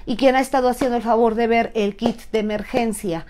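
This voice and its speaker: A woman's voice: fairly high pitch, fairly quick. A middle-aged woman with a Mexican accent, hosting a frank, playful live talk as a sexuality educator. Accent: Mexican Spanish. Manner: animated, playful, frank and chatty.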